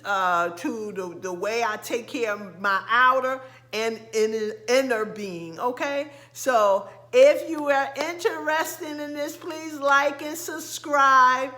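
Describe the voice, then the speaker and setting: A middle-aged woman from the United States with a slight lisp, talking casually to camera as a vlogger, halting with frequent ums and restarts. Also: sits high, pushed and bright. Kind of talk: casual vlog talk to camera.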